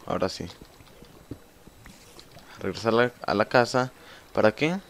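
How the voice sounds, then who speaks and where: A man's voice: lowish voice, normal speed, gravelly, a bit bright. A young man with a Mexican accent giving casual gameplay commentary, chatty and swearing freely as he talks to himself. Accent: Mexican Spanish. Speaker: gamer.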